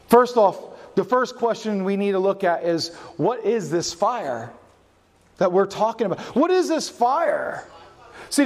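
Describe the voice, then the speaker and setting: High-voiced man preaching a sermon. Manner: asks the congregation questions and answers them; varies his pace and loudness for emphasis. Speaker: pastor.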